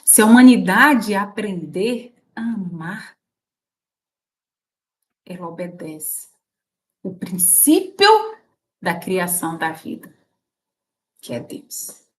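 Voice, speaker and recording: A woman's voice: medium pitch, expressive, takes it slowly, long pauses. A woman with a Brazilian Portuguese accent hosting a casual spiritual livestream from home, chatty and often checking with her audience.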